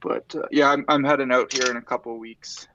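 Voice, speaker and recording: A man's voice: mid-range voice, fairly quick, no room sound, dull audio. Laid-back man telling stories. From Ontario, Canada. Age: 30s. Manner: relaxed storyteller, swears casually. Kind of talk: casual chat.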